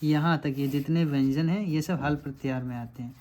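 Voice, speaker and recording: A man with a fairly high, warm voice and fairly even intonation teaches briskly, working through quiz questions step by step in a lecture. He explains carefully and keeps checking that students follow, repeating phrases like "samajh rahe hain aap".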